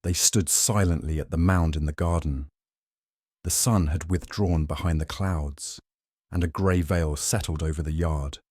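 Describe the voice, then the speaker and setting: Male narrator for a scripted mystery, low and husky, measured and ominous. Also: steady tone, a little mellow.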